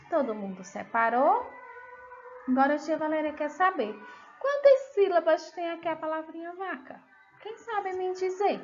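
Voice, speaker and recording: A Brazilian woman teacher with a Brazilian accent, slowly walking young children through a lesson in a sing-song way. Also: high voice, dull audio. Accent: Brazilian Portuguese. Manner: slow, sing-song teacher talk, drawing out words. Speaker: first-grade teacher.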